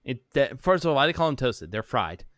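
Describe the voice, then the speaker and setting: A man's voice: mid-range voice, very animated, fast talker, a bit bright, no room sound, studio quality. A man co-hosting a casual comedy podcast, rambling and swearing, often breaking into laughter. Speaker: podcast co-host.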